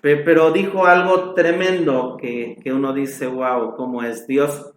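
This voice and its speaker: A man preaching a sermon as a pastor, slow and emphatic, his voice rising on exclamations. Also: a little high, reverberant. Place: church hall.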